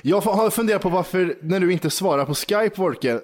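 A man's voice: high-pitched, lively intonation, darkish tone. A man co-hosting a podcast, teasing his friends and swearing casually. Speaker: podcast co-host.

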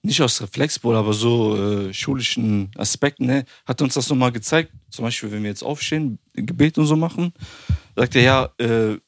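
A man's voice: mid-range voice, brisk, no room sound, studio quality. A man casually telling a funny story on a podcast, acting out the people he quotes. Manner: animated storyteller, acts out quoted people, laughs often. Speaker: podcast host.

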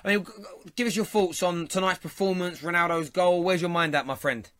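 A man's voice: high voice, brisk, fairly bright tone. A man hosting a football phone-in, chatting casually and teasing callers. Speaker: radio phone-in host.

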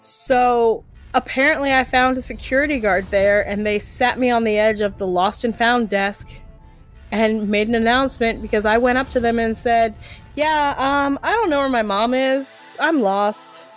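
A podcast co-host or guest, she is a middle-aged American from eastern Pennsylvania with a fairly high voice and a moderate pace. Her casual storytelling is lively, and she performs other people's lines as she recounts them. There's faint background music.

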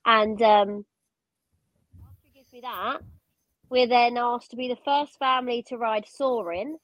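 A woman's voice: on the high side, a little slow, fairly bright tone, dry recording. Woman with a dry, close voice. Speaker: podcast co-host. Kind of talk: casual chat.

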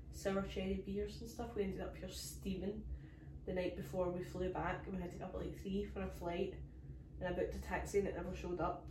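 Scottish woman, comedy podcast co-host, mid-pitched, quick teasing chat, distant phone mic with light hiss. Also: darkish tone. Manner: teasing, chiming in with quick quips. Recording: echoey room, phone held off-mic.

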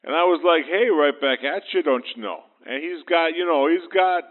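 A man leaving a rambling, halting voicemail over a landline phone, full of fillers. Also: a little high, lively intonation. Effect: heard over a landline phone. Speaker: phone-in caller. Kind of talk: voicemail message to a radio show. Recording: tinny phone line.

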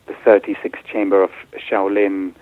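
A man's voice: sits low, completely flat delivery, normal speed, no echo. A man who grew up in Germany, a film director answering interview questions with many ums and restarts. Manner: hesitant, many fillers and restarts. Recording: tinny phone-like line.

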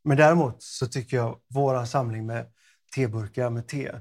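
Male podcast co-host, gravelly, playful banter. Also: mid-range voice, fairly even intonation, a little mellow. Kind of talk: casual chat.

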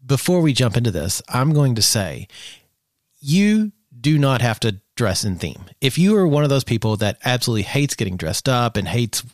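A man's voice: mid-range voice, big pitch swings, normal speed, no room sound, studio quality. A man co-hosting a podcast in casual chat, with jokey, wry asides. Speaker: podcast co-host.

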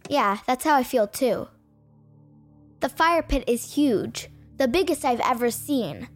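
A sulky, dramatic young girl, narrating her story in an audio drama. The voice is high, whiny and exasperated, with faint music behind it. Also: expressive, a little slow. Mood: annoyed. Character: sulky, dramatic homeschooled girl, phone-obsessed camper.

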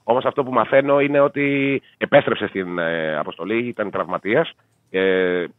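A man's voice: on the low side, no echo. Man analysing football over a tinny line. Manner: measured, thinks aloud with fillers. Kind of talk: casual sports betting talk. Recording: tinny dry phone line.

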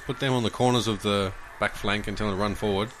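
A man's voice: fairly low pitch, steady tone, fast talker, a bit bright, slight background noise. A man with an Australian accent chatting casually and bluntly about football as a podcast co-host.

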